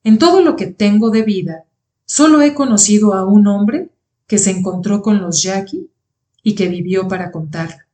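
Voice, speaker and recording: A woman narrating a first-person novel as an audiobook reader, in a measured, calm storytelling manner. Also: medium pitch. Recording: roomy echoey recording.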